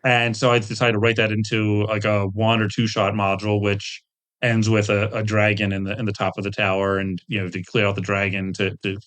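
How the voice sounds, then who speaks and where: A guest in a casual interview, a tabletop game designer and webcomic artist, rambles through self-deprecating anecdotes and jokey asides. He talks fairly quickly in a lowish, monotone voice with a fairly bright tone.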